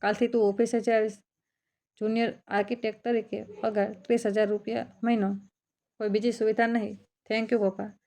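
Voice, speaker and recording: A woman storyteller reads a family drama aloud in a calm, steady way. Her voice is gravelly with a flat, level melody. She voices the father's story in first person. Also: a little high, fairly quick. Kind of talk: scripted narration of a family story.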